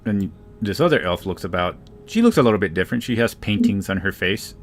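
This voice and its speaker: A man narrating as game master in a relaxed, hesitant way with frequent fillers. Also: lowish voice, a little fast, soft background music.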